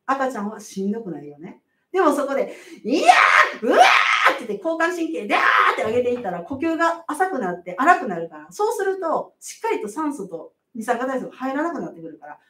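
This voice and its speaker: A middle-aged woman with a Kansai accent talks as a midwife on a casual live stream, animated and emphatic, laughing often. Her high voice swings widely in pitch. The sound is roomy and a little off-mic. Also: recorded from a distance.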